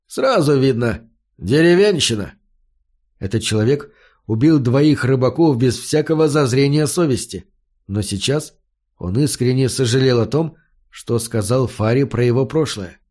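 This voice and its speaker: A man reading an audiobook aloud as a steady first-person narrator. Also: mid-range voice, normal speed.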